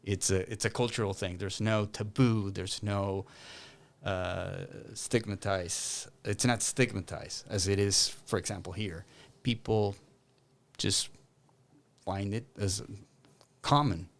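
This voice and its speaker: Low-voiced man from Argentina, halting. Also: steady tone, vocal fry. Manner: thoughtful, many fillers and restarts. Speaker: clinical counsellor guest. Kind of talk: interview conversation.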